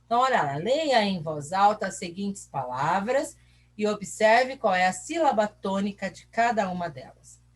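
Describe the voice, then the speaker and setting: A Brazilian woman teacher sounds animated in this recorded lesson, with a medium-pitched voice at normal speed and a little hiss or hum in the audio. Her accent is Brazilian Portuguese, and she stretches syllables while answering the questions she puts to herself.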